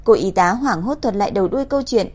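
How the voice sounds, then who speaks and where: A woman reading a crime novel aloud in an even, steady storytelling voice. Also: mid-range voice, fast talker, husky. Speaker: narrator. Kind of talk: audiobook narration.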